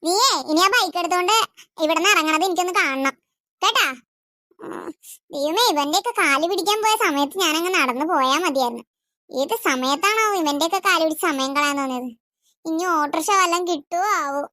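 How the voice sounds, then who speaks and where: A woman's voice: very high-pitched, fairly quick, sharp tone, dry recording, clean studio sound. A woman voicing an exasperated mother in a family cartoon who scolds her children. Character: scolding harried cartoon mother of several kids.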